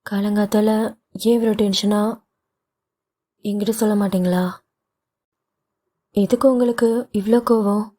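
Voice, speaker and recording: A woman's voice: medium pitch, flat delivery, unhurried, pauses often, dark tone, close to an everyday voice. A woman voicing a young pregnant wife who is playful, coaxing and caring, in a read audio novel. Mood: teasing.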